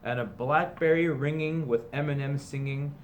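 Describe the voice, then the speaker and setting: Reading a children's book for students as a teacher might, a man shifts between emphatic, sing-song lines and casual explanations. His voice is on the high side at normal speed, the audio sounds dull, and background noise is clear.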